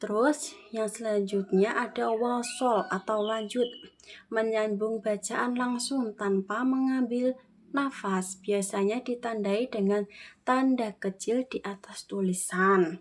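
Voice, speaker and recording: A young woman with an Indonesian accent teaching a classroom lesson on Quran recitation, speaking slowly and clearly and modelling phrases for children to repeat. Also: on the high side, fairly even intonation. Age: young adult. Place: classroom with a whiteboard.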